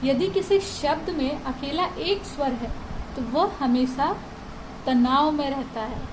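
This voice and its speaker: A woman's voice: sits high, noisy background. A woman teaching a language lesson, explaining step by step and mixing English phrases into her Hindi. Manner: slow and deliberate when reading English lines.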